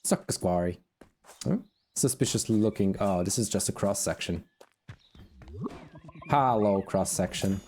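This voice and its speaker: A tired man streaming a fantasy game, thinking aloud in relaxed, casual commentary. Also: low-pitched, measured pace, pauses often, a little hiss or hum. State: tired, yawning.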